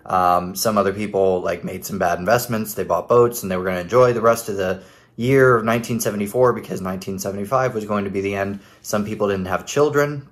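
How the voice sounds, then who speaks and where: A man in his thirties hosting a casual, critical commentary video from home, with a sarcastic edge. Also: lowish voice. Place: living room at home.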